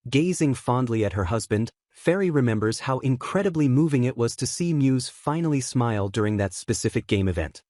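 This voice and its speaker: Dry, steady male recap narrator. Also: mid-range voice, no echo.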